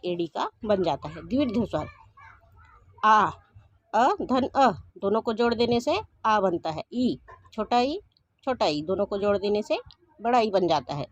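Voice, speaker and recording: A woman teaching a grammar lesson, asking questions and answering them herself, and repeating each definition slowly. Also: mid-range voice.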